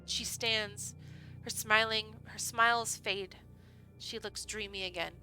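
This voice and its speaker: A woman's voice: mid-range voice, steady tone, takes it slowly, pushed and bright, soft background music. A woman streamer reading a visual novel aloud with chatty, laughing asides, her throat drying out. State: voice going hoarse, throat dry.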